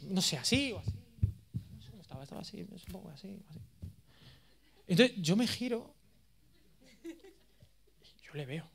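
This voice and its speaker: A man in his thirties with an accent from Spain, giving a course lecture as a lively, self-mocking storyteller. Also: a little high, vocal fry. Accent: Spain Spanish. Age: 30s. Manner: animated, self-mocking, jokey.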